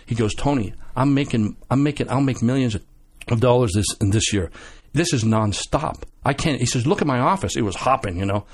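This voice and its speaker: A man's voice: medium pitch, a little fast. Man telling stories on a radio show. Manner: animated storyteller, acts out quotes, many restarts. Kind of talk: casual storytelling chat.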